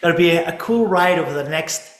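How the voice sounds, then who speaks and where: Male webinar host, slightly higher voice, chatty presenter with lots of "right?", echoey room. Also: a little fast, a bit bright. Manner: chatty, many tag questions and restarts. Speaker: webinar host, dental lab co-owner. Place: dental laboratory.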